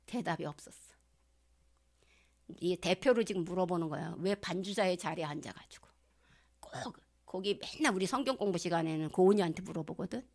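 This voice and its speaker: A woman pastor giving a sermon, asking the congregation questions and dropping from loud lines to hushed whispers. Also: fairly low pitch, fairly quick, gravelly, long pauses. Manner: acts out prayers and quotes in changed voices.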